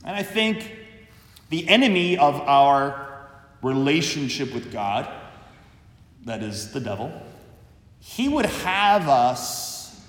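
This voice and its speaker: Slow priest in a cathedral echo. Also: male voice, sing-song, a bit bright. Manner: slow, measured delivery. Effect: cathedral echo with long reverb. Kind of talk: Gospel reading and homily at Mass. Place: large church. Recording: echoey church hall, faint rumble.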